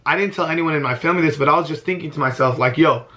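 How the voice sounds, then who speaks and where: A man's voice: a little high, rapid-fire, bright, forceful tone. A man in his early twenties talking earnestly to camera in a heartfelt vlog, often repeating himself for emphasis. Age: 20s. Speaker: vlogger.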